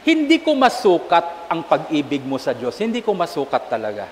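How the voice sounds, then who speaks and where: Filipino man, bishop's sermon, high voice, long church echo, faint hiss. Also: moderate pace. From Philippines. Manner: animated storytelling, asks the congregation "Amen?". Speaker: bishop preaching a homily. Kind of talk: sermon mixing Tagalog and English. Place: large church.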